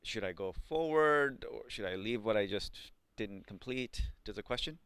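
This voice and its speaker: Animated yet moderately paced, this thirties-aged Pakistani bootcamp instructor has a smooth, fairly bright voice on the low side. Teaching coding live, he chats loosely, fills pauses with lots of ums and likes, and poses questions to his students.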